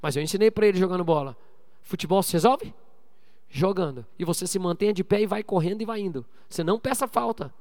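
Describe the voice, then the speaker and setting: A man preaching a sermon as pastor, calling on the congregation for amens and swinging between loud exhortation and quiet asides. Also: high-pitched, quick pace, in a large hall. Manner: preaching with call-and-response to the congregation.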